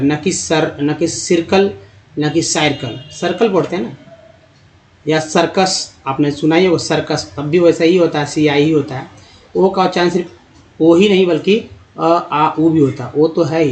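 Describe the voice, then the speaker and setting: A man leads an English pronunciation lesson for Hindi speakers. He draws each word out slowly and clearly, then moves into plain explanation, in a voice a little higher than most men's. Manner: drawn-out dictation of words, then explanatory chat. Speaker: English teacher.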